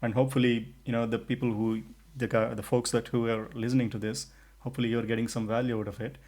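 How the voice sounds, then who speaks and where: A man's voice: mid-range voice, little pitch movement, quick pace, a little mellow. A man co-hosting a podcast in a casual, chatty way with frequent restarts. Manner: chatty, many restarts and fillers. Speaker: podcast co-host.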